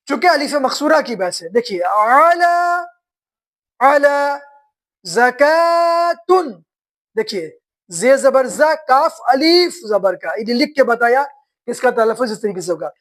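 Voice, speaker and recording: Woman, high pitch, beginner reading teacher, slow syllable-by-syllable spelling, asks students questions.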